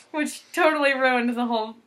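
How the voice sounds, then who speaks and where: A woman's voice: high-pitched, normal speed, a bit bright. A young woman casually telling a story, chatty, with fillers and quoted dialogue.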